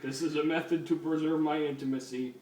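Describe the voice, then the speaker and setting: A man voicing a stiff, literal-minded male cyborg cop who talks flatly in broken grammar, recorded at a distance in a roomy space. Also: fairly high pitch, fairly quick, natural voice. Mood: deadpan. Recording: roomy, distant mic, faint noise.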